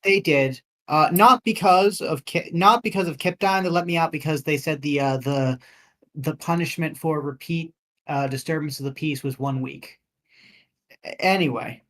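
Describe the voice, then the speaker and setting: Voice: mid-range voice, moderate pace, a bit bright. A tabletop game player making joking, stammering asides. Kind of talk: casual tabletop game chat.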